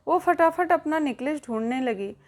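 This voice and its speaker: High-voiced woman narrating a family drama. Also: expressive, moderate pace. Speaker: storyteller.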